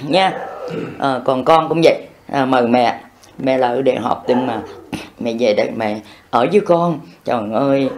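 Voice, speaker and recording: Older monk, scolding sermon. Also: male voice, on the high side. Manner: folksy, scolding, acts out everyday dialogue. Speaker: Buddhist monk teacher. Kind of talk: improvised dharma talk.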